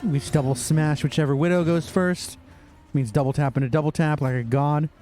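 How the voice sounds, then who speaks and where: A man's voice: a little high, fairly even intonation, fairly quick, mellow, faint music behind. A young man giving casual, sarcastic commentary while playing a game. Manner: sarcastic, mocking, talks to himself. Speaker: streamer.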